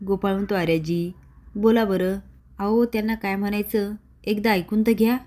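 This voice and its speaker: A woman's voice: mid-range voice, steady tone, moderate pace, a little mellow. Woman narrating a serial recap. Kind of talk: dramatic episode recap narration.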